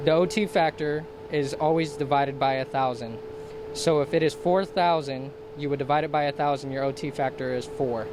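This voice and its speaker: A man's voice: on the high side, moderate pace. A man giving scripted military instruction in a formal, procedural manner, enumerating each step. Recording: clear steady ambient background noise.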